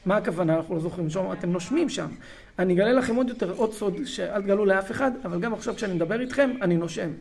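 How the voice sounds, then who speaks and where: A man's voice: sits high, creaky. A man coaching a parents' group in a recorded lesson. He talks straight to the parents, acts out everyday scenes and keeps asking if they understand. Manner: animated, acts out scenes, often asks "you understand?".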